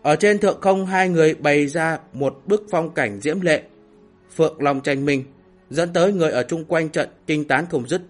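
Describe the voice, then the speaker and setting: Male storyteller with a raised pitch. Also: normal speed, faint music behind. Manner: steady, dramatic storytelling. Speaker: audiobook narrator. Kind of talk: scripted novel narration.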